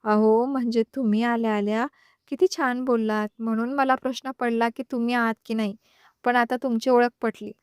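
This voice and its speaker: A woman reading as a cheeky young wife in an audio story, teasing and chatty as she talks back to her husband. Her voice is smooth and clear and sits a little high, recorded dry and close. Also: fairly even intonation, normal speed, no echo, natural voice.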